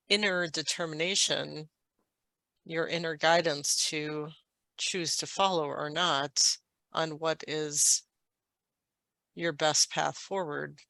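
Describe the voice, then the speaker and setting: Brief: a woman voicing an otherworldly galactic guide, very slow and deliberate, clear, smooth tone. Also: low-pitched, a bit bright, no room sound, full character voice. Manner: slow, halting, formal phrasing. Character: galactic being speaking through a channel, calm and unhurried. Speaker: trance channel. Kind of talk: channeled spiritual guidance.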